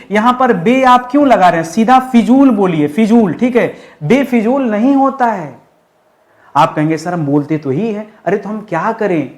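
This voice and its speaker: A male teacher with a notably high voice works through spelling mistakes for exam students. He keeps asking the class what the right form is and answers it himself. His corrections are firm and repetitive. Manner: repeats questions to the class and answers them himself. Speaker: Hindi teacher. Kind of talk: online exam-prep lesson.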